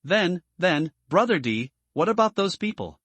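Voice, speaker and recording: A man reading the lines of a gentle young woman who scolds rapidly and protectively, in a comic story recap. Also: sits high, big pitch swings, dry recording, pitched above the performer's own voice, full character voice. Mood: scolding.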